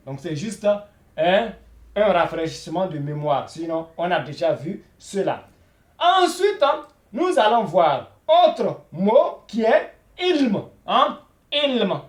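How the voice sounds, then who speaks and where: A man leads a beginner language lesson in a fairly high voice. He speaks slowly, drilling each word over and over and checking in after almost every phrase. The room gives his voice a noticeable echo. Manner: repetitive, drills each word with frequent "voilà" and "hein?". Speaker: Arabic teacher. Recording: echoey room.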